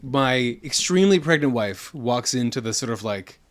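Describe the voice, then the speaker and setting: A man, chatting casually as a podcast co-host. His voice sits in an ordinary middle pitch, and he rambles along, restarting his sentences as he goes. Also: animated, moderate pace, a little hiss or hum. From New York. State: holding a newborn. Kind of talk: casual chat.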